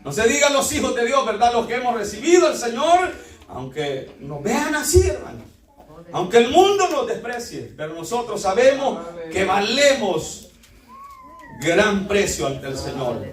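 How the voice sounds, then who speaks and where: Fervent high-voiced preacher in echoey church. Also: male voice, very animated, unhurried, distant mic. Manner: fervent, repeatedly addressing the congregation as brothers. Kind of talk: sermon.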